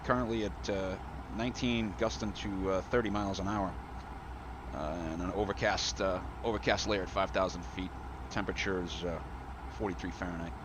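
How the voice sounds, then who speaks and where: Male pilot, lowish voice, making a halting cabin announcement, clear engine noise behind. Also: fairly even intonation. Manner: halting delivery with frequent uhs. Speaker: airline pilot. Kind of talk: airline pilot announcement to passengers. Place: aircraft cockpit. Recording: clear cockpit and engine drone.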